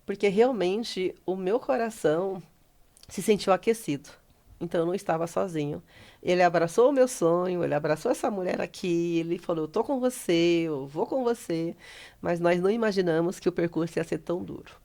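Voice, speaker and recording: A woman's voice: fairly low pitch, a little fast, mellow. A middle-aged woman with a Brazilian Portuguese accent, a podcast guest sharing a personal story with feeling, acting out conversations and often laughing. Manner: heartfelt, re-enacts dialogue, breaks into laughter. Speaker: guest, writer and speaker.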